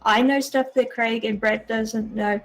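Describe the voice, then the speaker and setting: A woman's voice: on the high side, fairly even intonation, a little slow, faint music behind. A woman speaking casually as a developer advocate, explaining things in an emphatic, reassuring way. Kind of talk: casual explanatory panel talk. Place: indoors, on camera.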